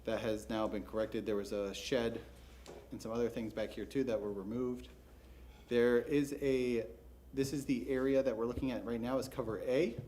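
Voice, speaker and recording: A man giving a brisk, businesslike, formal case presentation at a public hearing, as a staff member. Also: medium pitch, steady tone, warm tone. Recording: faint noise, public hearing room.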